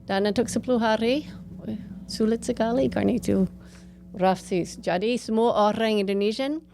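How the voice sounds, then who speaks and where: A woman's voice: fairly high pitch, normal speed, creaky, a little mellow, faint music behind. American woman, foreigner speaking Indonesian. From United States. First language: English. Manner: foreigner speaking Indonesian, mixing in English phrases. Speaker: interview guest, gallery owner and painter. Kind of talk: casual personal storytelling.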